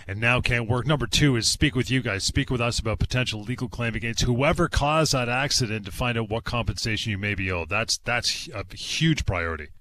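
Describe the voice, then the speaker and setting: A man's voice: mid-range voice, brisk, few pauses, a bit bright, a little hiss or hum. A man hosting a radio advice show in a casual, chatty and promotional way.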